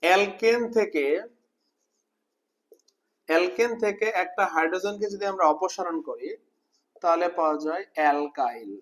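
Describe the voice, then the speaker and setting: A man, teaching an informal exam-prep chemistry lesson, repeating terms slowly and asking students whether they follow. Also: high voice, a bit bright. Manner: repeats terms slowly, checks understanding with questions. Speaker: chemistry tutor.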